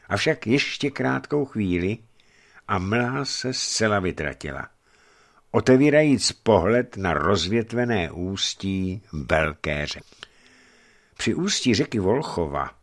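Low-voiced man narrating a novel. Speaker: audiobook narrator. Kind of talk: scripted narration of a historical novel.

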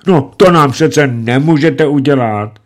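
A man voicing a frightened, fat old bandit chief who pleads in a high whine. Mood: pleading.

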